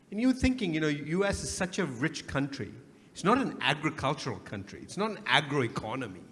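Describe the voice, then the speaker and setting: A man's voice: mid-range voice, a bit bright. A man from Sri Lanka speaking on a conference panel, arguing emphatically and posing rhetorical questions. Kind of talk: panel discussion. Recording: reverberant conference hall, faint hum.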